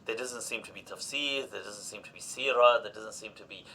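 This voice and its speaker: Bright-voiced male podcast host. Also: lowish voice, fairly quick, a little hiss or hum. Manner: rambling, questions with many fillers. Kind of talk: conversational interview.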